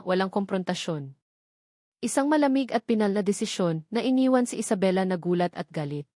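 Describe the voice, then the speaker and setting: With a darkish tone to her mid-range voice, a Filipino-accented woman narrates a scripted romance full of drama. The recording is studio quality with no room sound at all.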